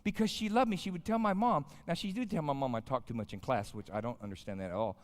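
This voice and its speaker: Here a fast-talking American pastor in his fifties, with a mid-range voice, delivers a casual storytelling sermon as a guest chapel speaker. He's colloquial and folksy, quizzing his listeners as he goes. Long reverb from the large live chapel hangs on every word.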